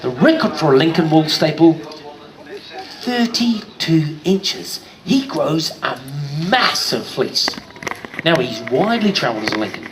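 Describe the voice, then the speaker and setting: Higher-voiced New man, jokey showman. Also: sing-song, measured pace, a crowd in the background. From New Zealand. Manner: jokey showman, addresses kids and audience. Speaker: sheep show presenter. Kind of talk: live show commentary for a crowd. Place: live show stage before an audience.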